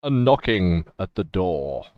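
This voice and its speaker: A man's voice: sits low, big pitch swings, takes it slowly, highs cut off. A man acting as game master, casually improvising narration for a tabletop role-playing game.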